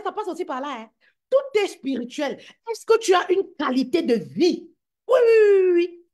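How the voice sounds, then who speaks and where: Woman, high voice, business coach, preachy motivational talk, emphatic and repetitive, calls listeners queens. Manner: addresses listeners as queens and mama.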